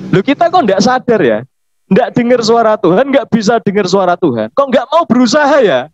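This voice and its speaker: Animated high-voiced man preaching in chat. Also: brisk, no echo. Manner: animated, emphatic, laughs often. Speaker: pastor. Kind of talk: casual podcast chat. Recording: dull, lo-fi podcast audio.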